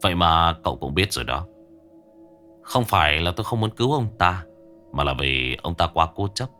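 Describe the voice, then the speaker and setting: A man voicing a composed, middle-aged male exorcist who speaks in an unhurried, matter-of-fact way in an audio ghost story. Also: deep voice, animated, pushed and bright, faint music behind. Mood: calm.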